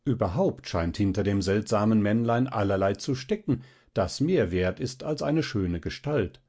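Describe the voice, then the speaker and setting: A man voicing a calm young male student in a storybook reading, matter-of-fact in tone. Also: fairly low pitch, normal speed.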